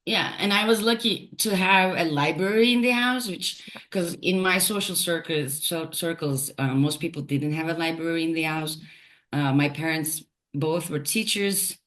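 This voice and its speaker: A woman from Turkey, a poet and translator, talking reflectively in an interview, thoughtful and halting with many fillers and restarts. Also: low-pitched, fairly bright tone.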